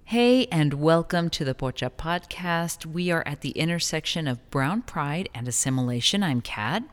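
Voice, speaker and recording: A woman in her thirties co-hosting a podcast in casual chat, a little husky from allergies, with Spanish words dropped in. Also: low voice, moderate pace, faint music behind. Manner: relaxed, says like often, drops Spanish words. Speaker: podcast co-host.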